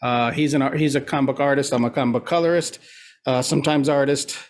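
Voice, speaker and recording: A man with a nasal voice co-hosting a casual podcast, relaxed and chatty with lots of fillers. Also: mid-range voice, fast, a little hiss or hum. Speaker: podcast co-host.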